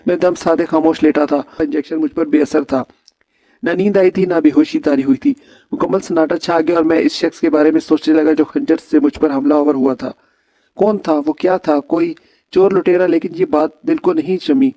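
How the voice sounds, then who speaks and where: A man reading a horror novel aloud as a storyteller, voicing each character with small pitch lifts. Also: steady tone, moderate pace, dark tone, dry recording, highs cut off.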